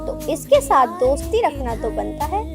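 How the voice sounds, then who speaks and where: A woman's voice: high voice, sing-song, moderate pace, music in the background. A woman in a comedy sketch, boasting in a conspiratorial way.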